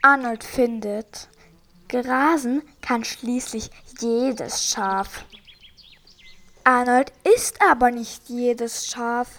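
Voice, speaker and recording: A woman narrating a children's story in a calm, measured way. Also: on the high side.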